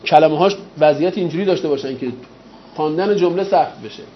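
In a slightly dull recording with faint background noise, a male lecturer teaches rhetoric at university. He puts questions to his class, often rhetorical ones he then answers himself, varying his pitch and volume in a lively way and slowing when he wants to stress a point.

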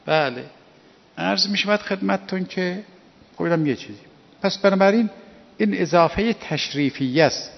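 A man delivers a sermon in a gravelly, somewhat high voice, lecturing his listeners and firing rhetorical questions at them. His words carry a long reverb, as if from a large hall. The recording itself sounds dull. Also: pauses often. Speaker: cleric.

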